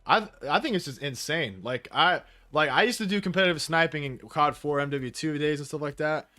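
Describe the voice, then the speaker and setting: Male podcast host, very quick delivery, dry close sound, slangy, enthusiastic, sweary, casual interviewing. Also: on the high side, bright, forceful tone, no room sound. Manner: informal, profane, slangy, enthusiastic.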